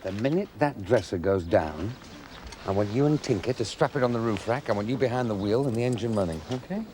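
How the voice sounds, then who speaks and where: An actor playing a sly, cheeky antiques dealer in a TV drama, talking in a wry, teasing way. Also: male voice, lowish voice, a little fast, background noise, lightly acted. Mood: scheming.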